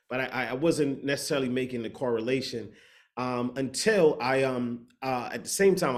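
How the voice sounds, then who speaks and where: With a mid-range voice, this matchmaker and speaker from the Bahamas recounts his own story over a video call interview. He stays reflective and steady, though he sometimes hunts for the right word.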